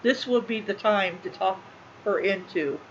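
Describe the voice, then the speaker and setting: A middle-aged woman talks casually to her viewers, halting, repeating herself and sounding emotional. The recording is a little dull and muffled. A faint noise sits underneath her voice. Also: mid-range voice, expressive. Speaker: channel host. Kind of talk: casual talk to livestream viewers.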